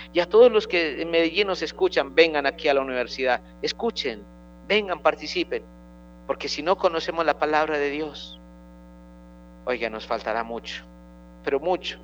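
A man's voice: a little high, a bit bright. Priest guy saying mass, solemn preaching, kinda muffled w/ a faint hum. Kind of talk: homily and liturgical prayer. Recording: dull lo-fi sound with mains hum.

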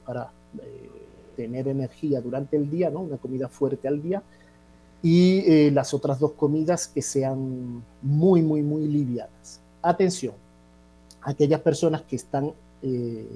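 A man, a priest hosting a religious program, answering listener questions in a measured, teaching way with frequent "eh" and tag questions. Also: mid-range voice, mellow.

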